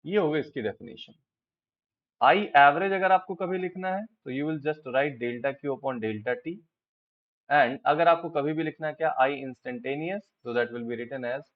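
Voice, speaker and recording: Indian man teaching physics, slow and dull-toned. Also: medium pitch. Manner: explains step by step, asks students quick check questions. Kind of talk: classroom lecture, Hindi-English mix.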